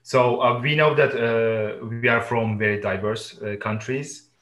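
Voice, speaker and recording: A man's voice: medium pitch, steady tone, unhurried, a bit bright, roomy sound. A man hosting an informal group discussion, moderating and greeting participants.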